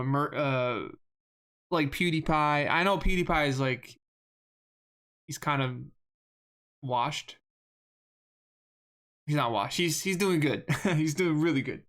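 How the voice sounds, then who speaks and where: A game streamer rambles through live gameplay commentary in a monotone, mid-range voice, being self-deprecating and repeating words often.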